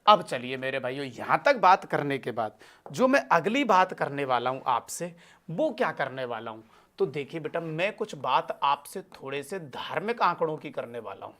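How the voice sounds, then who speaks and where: A man's voice: a little high, very animated, normal speed, bright, forceful tone. Call-and-response male teacher. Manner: call-and-response, answers own questions; calls viewers brothers and son, reads comments. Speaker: online exam-prep teacher. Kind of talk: live online class teaching.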